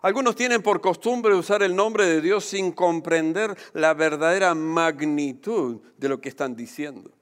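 A man preaching a sermon as pastor, emphatic, slowing down to stress key phrases. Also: fairly high pitch, a bit bright, clear, resonant tone. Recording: long hall reverb.

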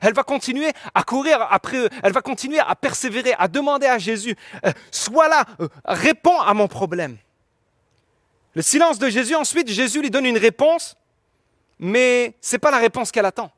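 A man preaching, his voice sitting high for a man and close and dry on the mic. He explains in an earnest, teaching tone, stumbling and restarting phrases as he goes. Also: lively intonation, fairly quick, fairly bright tone, no echo. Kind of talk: sermon.

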